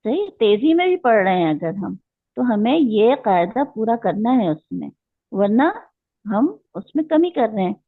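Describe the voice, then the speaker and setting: Female recitation teacher, unhurried and methodical, quizzes the class; thin phone-quality audio, no room sound. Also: a little high, very animated, no echo. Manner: patient, explaining step by step with questions to students. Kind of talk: online class lecture. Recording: tinny phone-like line.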